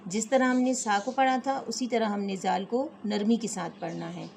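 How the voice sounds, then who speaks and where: A woman's voice: mid-range voice, fairly even intonation, vocal fry, a little mellow, a little hiss or hum. Woman teacher drawing out each letter. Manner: drawn-out letter sounds between quick spoken explanations. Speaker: Quran reading teacher. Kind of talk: slow letter-by-letter recitation lesson.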